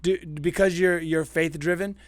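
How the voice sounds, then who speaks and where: A man's voice: on the high side, fairly even intonation, moderate pace, no room sound. A man co-hosting a podcast, debating in a teasing, mock-formal way with some swearing. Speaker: podcast co-host. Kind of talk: casual debate chat.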